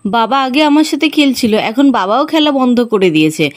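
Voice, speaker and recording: A small girl clings to her mother and demands attention, as a woman reads her lines. The voice is high and read plainly, with little put-on character. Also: expressive, a little fast. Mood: sulky. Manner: read out in the narrator's own voice.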